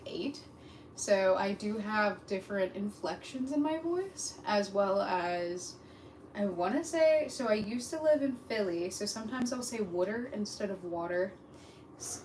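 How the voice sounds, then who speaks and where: An adult woman with a child, a cooking vlogger from Pennsylvania with a Pittsburgh accent, chats casually on a live stream while cooking in her home kitchen, rambling with plenty of fillers. Her voice is mid-range. The low-quality recording has an echoey room and a little hiss or hum.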